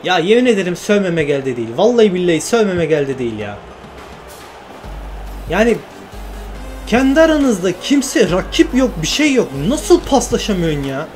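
A man narrating his football video game play in excited, repetitive exclamations. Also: high-pitched, moderate pace, long pauses, soft background music. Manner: exclaiming and repeating phrases. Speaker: gaming YouTuber.

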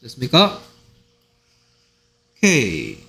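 A man teaching an English lesson for a school exam. He speaks Korean with a Korean accent, draws out English phrases slowly and keeps asking whether the class has followed. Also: mid-range voice, huge pitch swings, vocal fry, sharp tone. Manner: repeats "됐습니까?" to check understanding; slow, drawn-out delivery of English phrases.

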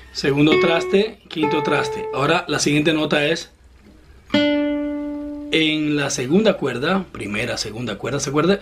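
Male guitar teacher, slightly high voice, patient and upbeat, loud guitar in the mix. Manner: patient, encouraging, speaks directly to the student; slow, step-by-step instruction. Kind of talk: online guitar lesson. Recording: loud guitar playing behind the voice.

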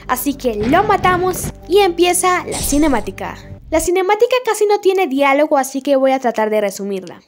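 A young woman casually and playfully recapping a game's story, chatty and expressive. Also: high voice, normal speed. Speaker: gaming video creator. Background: faint background music.

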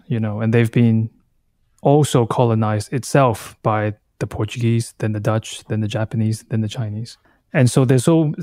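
A Taiwanese man in his thirties, a native Taiwanese speaker and an artist, joins a podcast as a guest for a reflective conversation. His warm, mid-pitched voice is recorded dry with no room sound. He thinks aloud, halting, circling back to rephrase his words.

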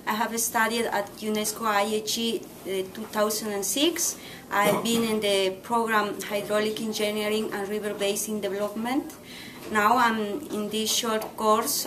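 A woman's voice: mid-range voice, far from the mic, noisy background. A woman from Bolivia giving a plain, somewhat hesitant testimonial to camera. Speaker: course participant.

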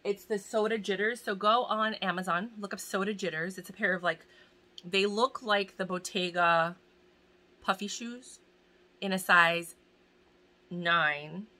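A fashion vlogger in her forties talks to a camera at desk distance, hosting a giveaway from a small indoor room crammed with bags and boxes. Though she's in pain, she rambles and gushes about the prizes in a casual way. Her voice is fairly low, bright and forceful.

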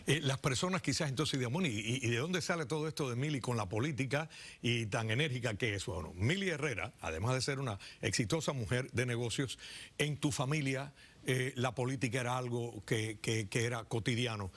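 A man's voice: mid-range voice, a little fast, fairly bright tone. Man hosting a TV studio interview. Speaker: TV host. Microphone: lapel mic.

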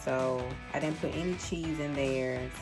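A young mother who vlogs chats casually into a handheld phone camera in her home kitchen, speaking in a low voice at a measured pace. Playful and self-mocking, she keeps the cooking vlog light while upbeat pop music plays clearly underneath.

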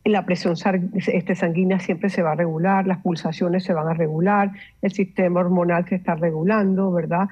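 A woman, a meditation coach explaining calmly and instructively, mixing in English words. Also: lowish voice, moderate pace, few pauses, muffled recording. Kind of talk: explanatory interview talk.

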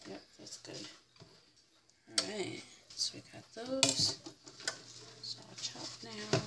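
A young American woman, a home cook and vlogger, chattily narrates each step of a casual cooking demo in her home kitchen, her mid-range voice showing vocal fry. A fixed camera on the counter records it, and the audio is very noisy with kitchen clatter and people in the background.

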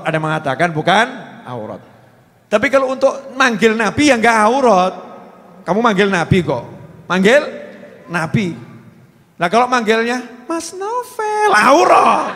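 A man preaches with a Javanese accent, his voice sitting noticeably high. He jokes and teases the congregation, coaxing them to join in. His words carry a long echo through a large hall. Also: a bit bright. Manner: joking, teasing, coaxing the audience. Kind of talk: humorous sermon to a live congregation.

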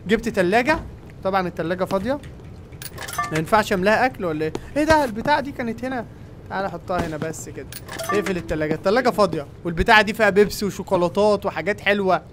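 A young man with an Egyptian Arabic accent giving excited running commentary on a game and talking to his viewers. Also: high-pitched, racing, noisy background. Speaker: gaming YouTuber. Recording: game music playing behind.

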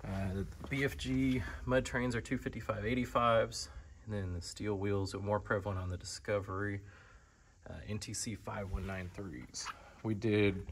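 A man talks a viewer through a vehicle in a large indoor showroom. His delivery is relaxed and chatty, full of fillers, as if he were walking around with the camera. Faint clicks sit under his voice. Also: lowish voice, moderate pace, slight background noise. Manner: relaxed, conversational, lots of fillers. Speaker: car dealer. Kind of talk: casual walkaround sales tour.

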